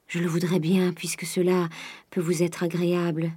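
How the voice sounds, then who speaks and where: A woman's voice: lowish voice, level tone, normal speed, mellow, husky, no echo. A woman voicing a frail, dying older woman who speaks in a weak, faint whisper. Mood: faint, pleading.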